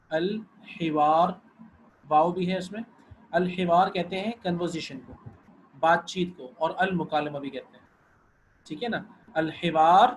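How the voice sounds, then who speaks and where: A man's voice: high voice, slight background noise, poor audio. A man teaching an online Arabic class, patient, often repeating and checking that students follow.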